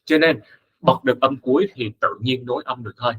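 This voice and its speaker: A man, a native Vietnamese speaker, teaching an English lesson, reading model phrases slowly and carefully between quick explanations. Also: medium pitch, breathy edge, rough recording. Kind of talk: casual spoken lesson.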